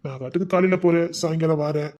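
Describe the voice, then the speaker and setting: A man's voice: fairly high pitch, fast, darkish tone, highs cut off. A man playing a stern, insistent husband who scolds his wife in a colloquial family drama.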